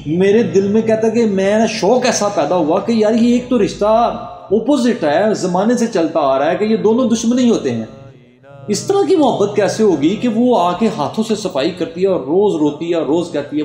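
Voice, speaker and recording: A man telling a Sufi devotional story, dramatically acting out the quoted speakers. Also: dark tone. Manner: dramatic, acts out quoted dialogue in a lowered voice. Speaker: religious storyteller. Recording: roomy echo with long hall reverb.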